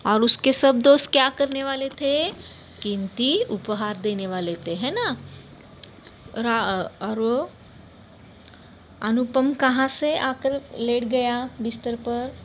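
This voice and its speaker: A woman's voice: fairly high pitch, slow, pauses often, a little hiss or hum. A young woman primary school teacher, reading a story aloud and explaining words, often repeating lines and asking her pupils questions. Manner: patient, repeats lines and asks students questions.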